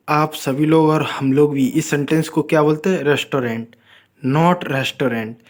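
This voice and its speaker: Man drilling English words slowly. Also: on the high side. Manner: addresses viewers as friends, informal. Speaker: English teacher. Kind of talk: casual spoken lesson.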